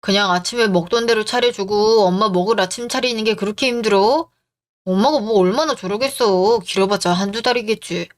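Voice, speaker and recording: A woman's voice: mid-range voice, brisk, close to an everyday voice. A woman voicing a defensive young husband. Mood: irritated. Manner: irritated and defensive. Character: defensive young husband caught between wife and mother.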